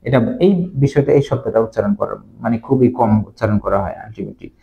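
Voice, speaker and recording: A man teaches simple Chinese phrases, going slowly and repeating each word. His voice is mellow and dark. The recording sounds dull and lo-fi. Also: on the low side, vocal fry. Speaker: language teacher. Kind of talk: Chinese lesson explained in Bengali.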